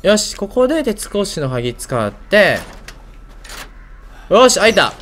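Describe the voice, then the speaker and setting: A man's voice: high-pitched, big pitch swings, slow pace, fairly bright tone, a little hiss or hum. A man with a Kansai Japanese accent doing casual video game commentary, thinking aloud in short muttered questions.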